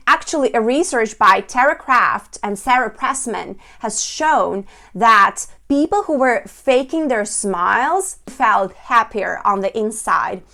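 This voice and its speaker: Higher-pitched woman coaching, clear deliberate delivery. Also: fairly bright tone. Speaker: public speaking coach. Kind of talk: instructional presentation to camera.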